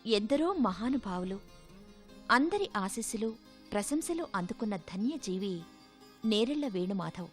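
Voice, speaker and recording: Woman narrating over soft music. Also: mid-range voice, very animated, unhurried, pauses often. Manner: formal, poetic delivery. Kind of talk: scripted documentary narration.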